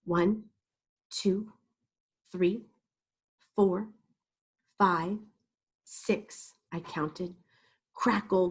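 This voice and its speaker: A woman storyteller reads a picture book aloud to young children, dramatic and expressive, explaining things to her small listeners. Her voice is medium-pitched and slightly rough.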